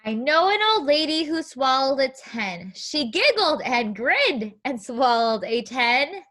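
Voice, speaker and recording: Slow and sing-song, this woman's high, slightly bright voice carries an interactive read-aloud for little kids. As a preschool teacher sharing a story, she asks guiding questions and keeps her encouragement simple.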